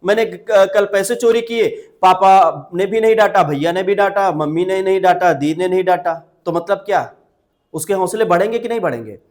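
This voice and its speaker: A man with a high-pitched voice gives a spoken English lesson. He explains in Hindi, asks his listeners questions, and drills each English phrase slowly and more than once. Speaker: English teacher.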